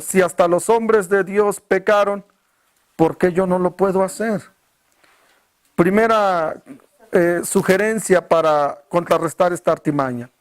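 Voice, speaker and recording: Pastor preaching with rhetorical questions. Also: male voice. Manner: asks the congregation many rhetorical questions; drops low and quiet to stress key words. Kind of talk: sermon.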